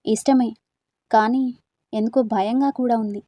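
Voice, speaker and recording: A woman's voice: fairly high pitch, steady tone, measured pace, no room sound, muffled recording, natural voice. A woman voicing a timid young woman student who speaks hesitantly and sadly about her confused feelings, in a storybook reading. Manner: hesitant and unsure.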